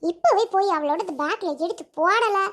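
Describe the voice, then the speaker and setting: A woman voicing a scheming, jealous village woman in a cartoon, talking slyly in a low hushed way. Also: normal speed. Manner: sly, whispery, conspiratorial. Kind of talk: cartoon voice acting.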